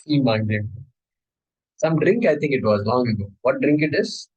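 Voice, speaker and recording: A man's voice: mid-range voice, animated, normal speed, a little mellow, husky, highs cut off. Indian-accented man teaching a scripture class. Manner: repeats key words, checks with listeners. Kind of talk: explanatory scripture lecture.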